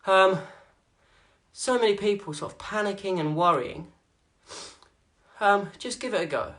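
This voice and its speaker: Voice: mid-range voice, fairly bright tone. A fitness instructor, out of breath after a workout, reading Bible verses and encouraging viewers in an earnest way. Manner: earnest, encouraging, peppers talk with "okay" and "guys".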